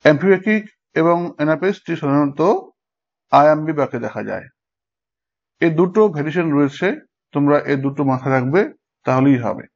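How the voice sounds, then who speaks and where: A man teaching a lesson, explaining step by step and pausing to check that his students follow. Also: on the high side. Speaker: English teacher. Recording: dull lo-fi sound.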